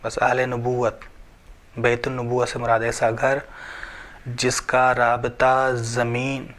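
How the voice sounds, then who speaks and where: A man's voice: mid-range voice, fairly bright tone. A man teaching a religious lesson, explaining each point, repeating phrases and reciting scripture. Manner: repetitive, explanatory, asks and answers his own questions.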